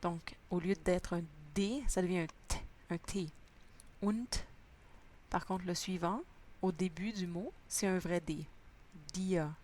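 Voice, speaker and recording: Slow, patient woman teacher. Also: on the low side, darkish tone, a little hiss or hum. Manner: patient, spells out sounds word by word. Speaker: language teacher. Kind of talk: slow spoken lesson.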